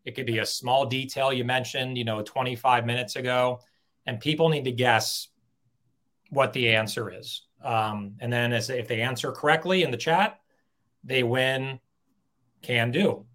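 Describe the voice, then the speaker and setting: A man's voice: medium pitch, normal speed, fairly bright tone. A man co-hosting a live talk show, enthusiastic and casual, explaining a giveaway segment and swearing freely. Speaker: co-host.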